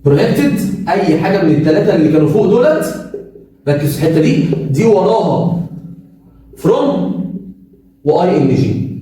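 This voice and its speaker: A man's voice: a little high, dark tone. A man with an Egyptian Arabic accent teaching an English grammar class, explaining step by step and asking the students rhetorical questions. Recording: very echoey room, voice from far off, faint noise.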